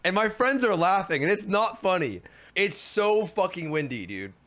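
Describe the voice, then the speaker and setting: A casual, expletive-heavy male storyteller with a noticeably high-pitched voice. He talks fast and freely, exasperated and animated, with swearing throughout. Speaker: vlogger.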